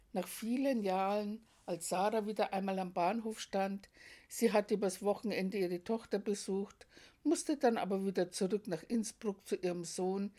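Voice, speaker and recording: A woman, reading her devotional testimony in a soft, reverent, measured way. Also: medium pitch. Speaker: devotee telling personal experiences.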